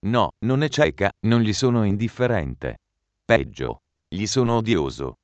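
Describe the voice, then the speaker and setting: A man's voice: on the low side, animated, measured pace, a little mellow, no room sound. A man reading the lines of a tormented, lovesick young man who answers curtly and with agitation. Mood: anguished. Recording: dry, muffled recording.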